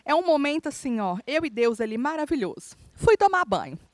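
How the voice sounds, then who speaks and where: A woman minister, preaching a sermon through a lively personal story and often calling out to the congregation. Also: high-pitched, brisk, dry recording. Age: adult, married.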